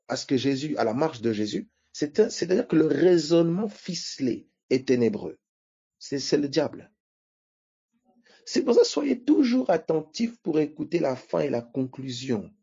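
A man preaching a sermon, teaching slowly and checking his listeners with frequent questions. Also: on the high side, vocal fry, warm tone, breathy edge. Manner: teaching, repeating key phrases, checking listeners with "d'accord?". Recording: dull lo-fi sound.

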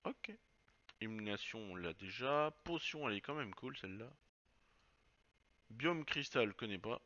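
Male let's-player, casual and sweary, bright tone, unhurried delivery. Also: on the low side, lively intonation, muffled recording. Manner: chatty, swears, muses aloud while playing. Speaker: let's play gamer. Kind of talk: casual game commentary.

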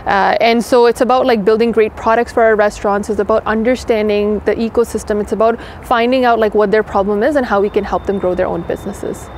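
A young woman talking fast and casually in an interview, filling her answers with "like" and "you know." She sits in a leafy city courtyard with a lapel mic. Faint traffic hums behind her. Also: medium pitch, steady tone, darkish tone. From Pakistan, raised in Toronto. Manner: quick, chatty, many "like" fillers. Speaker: engineering director, interview guest. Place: outdoor garden courtyard in a city.

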